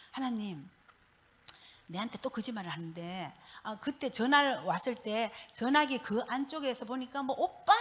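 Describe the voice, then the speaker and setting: A middle-aged woman gives a church testimony. Her voice sits fairly high and swoops up and down as she tells her story in an animated way. She laughs often as she talks. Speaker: pastor's wife giving testimony.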